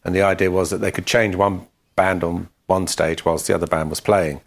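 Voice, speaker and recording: Speaking a little fast in a low, level, creaky voice, a man co-hosting a podcast recounts stories from his band. He keeps it casual, dry, and matter-of-fact.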